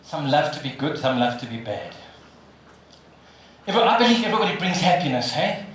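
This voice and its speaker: An older man with a South African accent giving a live motivational talk, firing questions at the audience in an animated way. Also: fairly high pitch, fairly quick, slight background noise. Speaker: motivational speaker. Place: large hall with a live audience. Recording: echoey hall, from a distance, audience audible.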